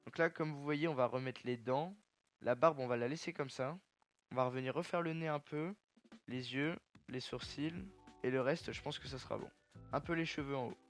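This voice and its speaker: A young man casually talking viewers through a software tutorial step by step, chatty and informal. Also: medium pitch, normal speed, soft background music. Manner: chatty, step-by-step, addresses viewers as "les gars". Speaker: tutorial creator.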